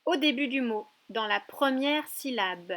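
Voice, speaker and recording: A woman teacher giving a recorded lesson to young children, speaking slowly and clearly and addressing the child directly. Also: high-pitched, lively intonation, a bit bright. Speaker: preschool teacher.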